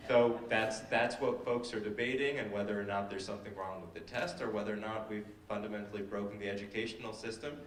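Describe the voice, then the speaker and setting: A man's voice: on the low side, steady tone, fast talker, hardly any pauses, recorded from a distance, slight background noise. A man speaking on a panel discussion, hesitant with many fillers and restarts. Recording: echoey hall, voice from afar.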